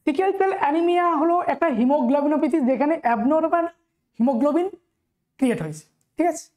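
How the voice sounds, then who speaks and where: A young woman with a Bengali accent runs a nursing exam-prep lesson in a high voice. She reads the questions aloud at an unhurried pace, then hurries through her explanations. She keeps checking in with her listeners as she goes. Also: warm tone.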